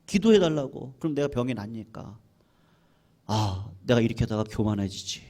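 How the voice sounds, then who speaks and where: A male pastor giving an emphatic sermon, often putting questions to the congregation. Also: medium pitch. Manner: animated, mimics trumpet sounds.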